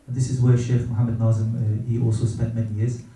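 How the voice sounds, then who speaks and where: A middle-aged man speaks in a deep, mellow, very dark tone, reverent and unhurried, often stopping on fillers as he gathers his thoughts. He sits at a distance from the mic, and a strong room echo surrounds each phrase. The delivery is a reflective religious talk. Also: little pitch movement. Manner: gentle, reverent, hesitant with many pauses and fillers. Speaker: speaker sharing personal experience.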